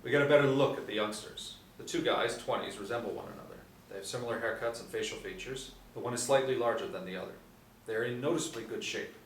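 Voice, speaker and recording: At a table read, a man serving as narrator reads scripted stage directions from a seated panel in an indoor room. He talks fast with a medium pitch and vocal fry, and the recording is roomy, with a distant mic and faint noise.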